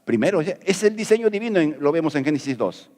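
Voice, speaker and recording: A man's voice: on the high side, big pitch swings, quick pace, darkish tone. Folksy preaching man, echoing church hall. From Peru. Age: middle-aged. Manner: folksy, jokey preaching with rhetorical questions. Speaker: pastor. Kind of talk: sermon.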